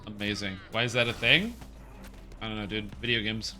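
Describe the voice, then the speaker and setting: A man's voice: lowish voice, steady tone, moderate pace, pushed and bright, faint music behind. A man streaming a game over a headset mic, chatting casually with viewers and reading patch notes aloud. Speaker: livestreamer. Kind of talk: casual gameplay commentary.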